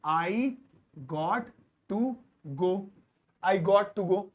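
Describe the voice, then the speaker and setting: A man teaching an English lesson in a casual, chatty way, stretching words out slowly as he writes them on the board. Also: high voice. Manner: lively, stretches words slowly when writing; talks to an off-screen helper.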